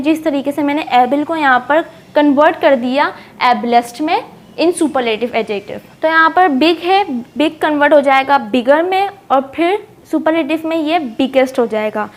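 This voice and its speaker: High-voiced woman teaching grammar. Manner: asks questions and answers them herself; reads English examples slowly and deliberately. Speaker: English teacher. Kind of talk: explaining grammar lesson.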